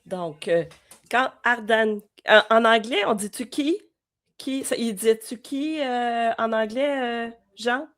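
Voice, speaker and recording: A woman's voice: a little high, slow, fairly bright tone. Québécoise woman podcaster reading a blurb. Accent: Québécois French. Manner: brief agreeing replies, careful reading. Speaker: podcast co-host. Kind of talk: casual chat and reading aloud.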